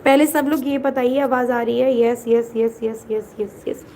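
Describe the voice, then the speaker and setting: A woman vlogger addresses her viewers casually from a room at home. Her voice is a little high and mellow. She talks directly to the audience in a chatty way. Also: fairly even intonation, unhurried, a little hiss or hum. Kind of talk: casual vlog talk to viewers.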